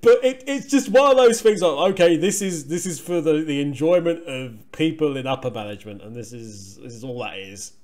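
A man's voice: fairly high pitch, brisk, hardly any pauses, a little mellow. A man co-hosting a wrestling podcast, chatting casually with swearing and mocking asides. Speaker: podcast co-host. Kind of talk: casual chat.

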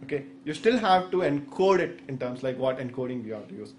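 Speaking in a medium indoor conference room through a stand mic at the podium, this Indian-accented man in his thirties, whose native language is Saurashtra, delivers a technical presentation full of fillers and hesitant explanations. His pitch is medium and his delivery animated and brisk. A little hiss or hum sits under the recording.

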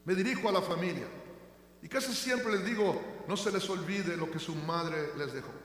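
Older male pastor, high voice, fervent to tender sermon, booming church reverb. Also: moderate pace. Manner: swings between loud fervent proclaiming and quiet tender storytelling. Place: church sanctuary. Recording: echoey church hall.

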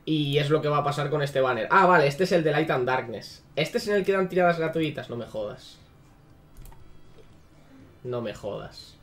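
A man's voice: a little high, fast talker, hardly any pauses, a bit bright. A man giving casual, sarcastic commentary on a mobile game, swearing freely. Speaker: gaming YouTuber.

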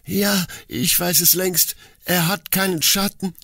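A man's voice: high-pitched, steady tone, slow, gravelly, fairly bright tone, no room sound, clean studio sound, voice pushed up, heavily acted. A man voicing a frightened, tearful young woman who cries out in anguish.

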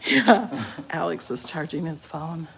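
A woman hosts a casual house tour filmed on a handheld phone, with the operator behind the camera, chatting informally as she moves through the rooms of a small house, then out to the porch and driveway. Her low, gravelly voice is lively and slow, and the moving recording is noisy, with crowd sounds.

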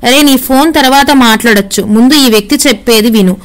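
A woman's voice: fairly high pitch, a little fast, close to an everyday voice. A woman voicing a blunt, commanding old woman who scolds the men around her in a storybook tale. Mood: scolding. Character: bold, commanding old milk-selling woman.

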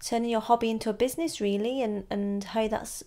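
A woman's voice: a little high, fairly even intonation, fairly quick, dark tone. A woman hosting a podcast, chatting informally and casually. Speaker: podcast host.

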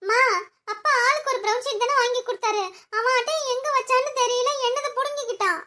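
A woman's voice: very high-pitched, quick pace, bright, forceful tone. Woman doing a whiny little schoolgirl. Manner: whining, complaining. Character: whiny schoolgirl, tearful and sulky. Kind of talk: cartoon voice-over.

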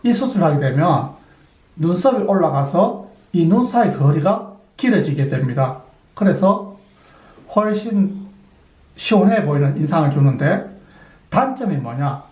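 A man's voice: on the high side, sing-song, measured pace, long pauses, a little mellow, roomy sound, poor audio. A middle-aged man, a plastic surgeon, explaining surgical methods step by step, asking questions and answering them himself. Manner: methodical, poses and answers his own questions. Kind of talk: explanatory clinic talk.

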